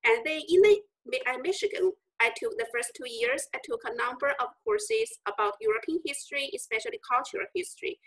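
A woman's voice: fairly quick, hardly any pauses, poor audio. A woman in her forties from China with a Chinese accent, a scholar answering interview questions earnestly over a video call. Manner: earnest and reflective, lively pitch swings. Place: indoor room with bookshelves.

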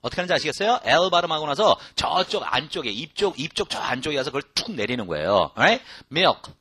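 A man who speaks Korean as his first language teaches English in a casual, joking way, and his pitch swings widely as he talks. His tone is bright and forward. The sound is close and dry, with no room echo. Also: breathy edge. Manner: lively, joking, repeats phrases slowly and spells them out letter by letter. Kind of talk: casual spoken English lesson.

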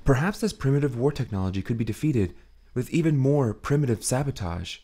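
Mellow-voiced man narrating an audiobook. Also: mid-range voice, lively intonation, brisk. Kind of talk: scripted narration.

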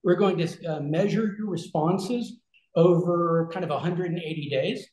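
A man in his forties, a regenerative health concierge, chats over a webcam on a video call from a small, echoey indoor room lined with shelves. His voice is somewhat high, mellow and unhurried, and he explains things at length in a loose, casual way, full of fillers and restarts, gesturing as he goes. A faint hiss or hum sits under the audio.

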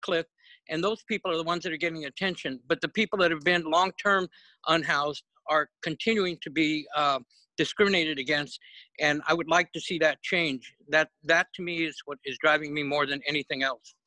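A middle-aged man, a houseless advocate, speaking haltingly and earnestly with many fillers over a video call that breaks up. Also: on the high side, steady tone, pushed and bright, dry recording, poor audio. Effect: heard over a video call that breaks up. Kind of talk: panel remarks on a video call. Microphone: dialed in remotely.

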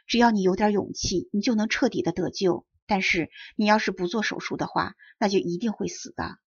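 Stern doctor, as a woman reads him, gravelly. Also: mid-range voice, a little fast, no echo. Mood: urging. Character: grave male doctor urging surgery. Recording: dull lo-fi audiobook recording.

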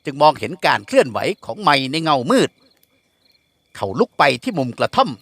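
A man reading a classic novel aloud with expressive storytelling. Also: fairly high pitch, brisk, no echo. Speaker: audiobook narrator. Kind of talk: scripted novel narration.

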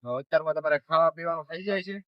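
A man's voice: fairly high pitch, smooth, no echo, dull audio. A man hosting a charity interview, asking questions and reassuring the guest before appealing to viewers. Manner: quick, reassuring, addresses viewers.

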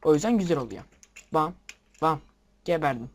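A young man giving casual game commentary, excitable, swearing at the game and talking to his viewers. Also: fairly high pitch, moderate pace. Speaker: gameplay video maker. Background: keyboard and mouse clicks.

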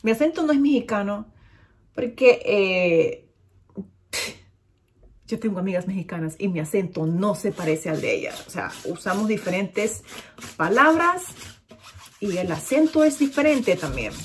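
Chatting to the camera from her bedroom, a Nicaraguan woman in her thirties vlogs casually, gesturing a lot and piling on fillers and restarts. Her Nicaraguan Spanish accent is mild and fairly neutral. The mid-range voice is very animated yet unhurried, with long pauses, a little hiss or hum, and a camera at desk distance.

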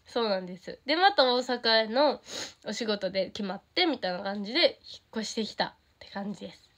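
A bubbly teenage girl with a Kansai accent chats casually on a livestream, reading out fan comments. Her voice sits fairly high and she is quick to laugh and light up. She keeps a relaxed, friendly chat going with her fans. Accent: Kansai Japanese. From Japan. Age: teens. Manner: bubbly, giggly, easily delighted by comments. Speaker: idol streaming to fans.

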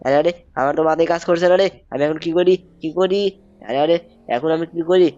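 Young man, excitable game commentary, rapid delivery, slightly high voice, dull dry recording. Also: no room sound. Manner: excitable, repeats phrases, addresses viewers. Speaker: gaming YouTuber.

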